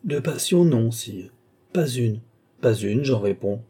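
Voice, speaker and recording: A male reader plays a timid elderly tutor to a prince, deferential and easily flustered. He answers in a soft, hesitant way, with a dark husky tone. He sounds evasive and nervous before the king. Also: medium pitch, lively intonation, slow pace. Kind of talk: audiobook character reading.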